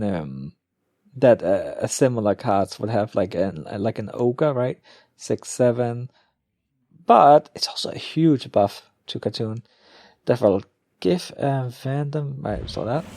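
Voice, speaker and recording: A man's voice: medium pitch, creaky, a little mellow. A man giving casual, off-the-cuff commentary as a gamer, thinking aloud and often trailing off. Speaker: gamer opening card packs.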